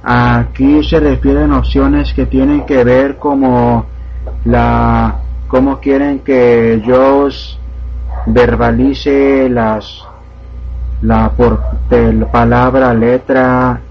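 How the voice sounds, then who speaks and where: A man giving an informal step-by-step software tutorial as an instructor. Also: medium pitch, level tone, drawn-out words, gravelly. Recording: dull lo-fi, faint background hum.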